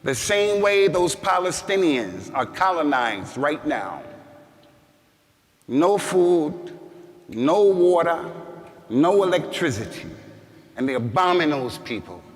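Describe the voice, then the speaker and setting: Brief: American male imam, Friday sermon, slightly high voice, long hall reverb. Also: big pitch swings, slow, pauses often. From United States. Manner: emphatic, repeats words, rises to shouts. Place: mosque hall.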